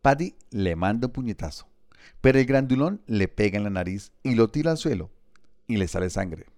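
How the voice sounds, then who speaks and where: A man narrating an audiobook in a measured, vivid storytelling manner. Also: fairly low pitch, lively intonation, darkish tone, no echo, studio quality.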